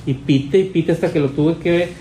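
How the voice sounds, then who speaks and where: A man, a pastor teaching his church in a relaxed, storytelling way. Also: a little high, normal speed, slight background noise, rough recording. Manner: conversational, storytelling, voices quoted people.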